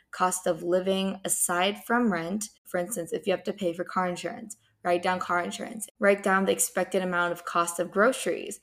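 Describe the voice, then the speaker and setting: A young adult woman hosting a podcast of casual advice on her own, recorded in an echoey unfurnished apartment. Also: fairly low pitch. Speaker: podcast host. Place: indoors, unfurnished apartment with bouncing sound. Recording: echoey empty apartment room.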